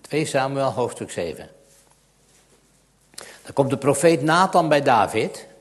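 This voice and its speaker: Male preacher, middle pitch, emphatic sermon delivery that swells on Bible passages. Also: sing-song, unhurried. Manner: emphatic, rising louder when reading scripture.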